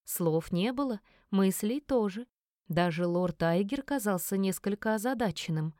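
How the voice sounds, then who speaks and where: A woman reading a fantasy audiobook in first person. Her delivery is lively and expressive, at a medium pitch. The recording is dry and close. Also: measured pace, no room sound. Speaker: audiobook narrator.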